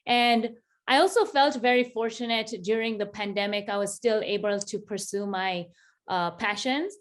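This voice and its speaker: A woman in her thirties from Kenya, an interview guest talking in a relaxed way, laughing often and using many fillers. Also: mid-range voice, moderate pace. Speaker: interview guest, business founder. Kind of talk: casual interview.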